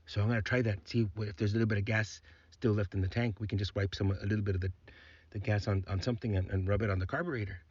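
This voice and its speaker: A man's voice: fairly low pitch, steady tone, fast, darkish tone, husky, dry recording, lo-fi sound. A man voicing his apologetic, flustered middle-aged father, who repeats himself as he says sorry. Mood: hopeful.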